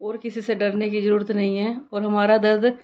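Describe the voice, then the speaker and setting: A woman's voice: mid-range voice, little pitch movement, moderate pace. A woman, chatting to viewers directly in a casual family vlog. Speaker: vlogger. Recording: slightly dull phone audio with faint noise.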